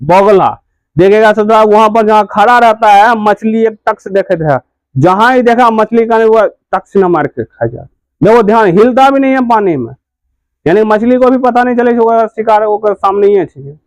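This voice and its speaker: Male tutor, high voice, dry close sound, question-and-answer drilling. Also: moderate pace, clean tone, no room sound, poor audio. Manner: repeats questions and answers them himself. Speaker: teacher. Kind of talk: classroom grammar lesson.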